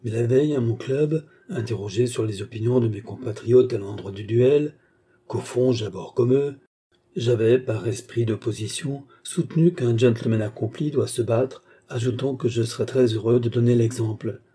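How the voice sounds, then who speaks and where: A man's voice: mid-range voice, normal speed, dark tone, slightly rough, lightly acted. A man voicing a phlegmatic English baronet, speaking in a polished, formal and courteous way. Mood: suave.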